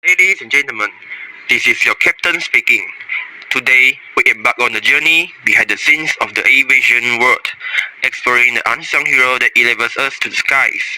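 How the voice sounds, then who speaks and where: A man's voice: mid-range voice, pushed and bright, a little hiss or hum, low-quality recording. A man making a scripted captain's announcement over the aircraft intercom, in a formal announcer style. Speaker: pretend airline captain.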